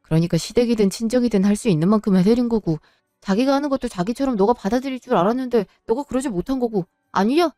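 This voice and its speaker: A woman voicing a frank male friend who lectures calmly and bluntly. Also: fairly high pitch, quick pace, dry recording, clean studio sound, close to an everyday voice.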